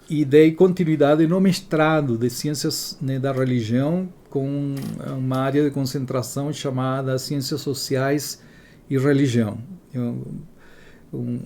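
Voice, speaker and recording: A man in his sixties from Chile, telling his life story as an interview guest in a measured way, often adding tag questions. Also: mid-range voice, mellow. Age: 60s.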